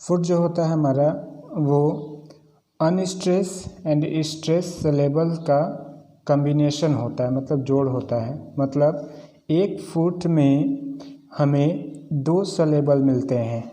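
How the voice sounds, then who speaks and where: A man teaching English poetry in Hindi, reading English definitions slowly with an Indian accent and then explaining them. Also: a little high, dark tone, in a large hall, poor audio.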